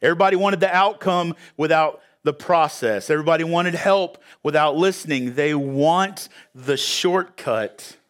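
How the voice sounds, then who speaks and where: A man preaching in a slightly higher-than-average voice. He opens with an anecdote, then builds to emphatic points, speaking conversationally to his congregation with the odd "uh". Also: normal speed, few pauses. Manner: storytelling, emphatic, conversational with fillers. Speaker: pastor. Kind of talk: sermon. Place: church sanctuary with audience.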